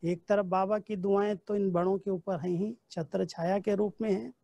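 Man, spiritual teacher. Warm, mellow tone, dry close sound. Relaxed storytelling in a devotional class. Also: high voice, normal speed, vocal fry, no echo, muffled recording. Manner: storytelling, recounting dialogue from memory. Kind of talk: devotional class with personal anecdotes.

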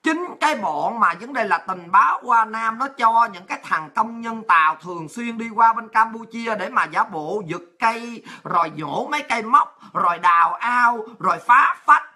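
A woman's voice: a little high, animated, normal speed, hardly any pauses, bright, forceful tone. A woman with a Southern Vietnamese accent giving a heated, crude and mocking political rant. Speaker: political commentator. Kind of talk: ranting political commentary.

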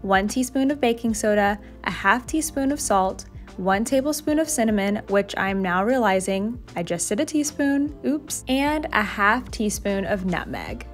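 A young female cooking vlogger narrates a video from her home kitchen, chatty and poking fun at herself, with light music playing behind her. Her voice is medium-pitched and animated, moving at a normal speed.

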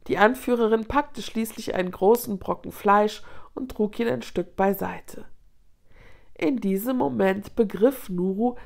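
A woman reading a children's storybook aloud in an expressive, dramatic way. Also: mid-range voice, vocal fry. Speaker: children's book reader.

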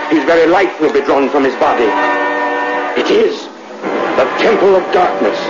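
Man playing a noble thunder god hero, highish voice. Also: close to an everyday voice. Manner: archaic, declamatory, earnest. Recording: dull old TV soundtrack, loud music.

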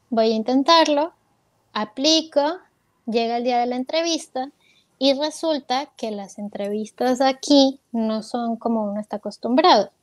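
A woman's voice: fairly high pitch, dry recording. A woman telling her story as an interview guest, candid and full of fillers, quoting her own thoughts aloud. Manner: candid, retells with quoted self-talk and many fillers.

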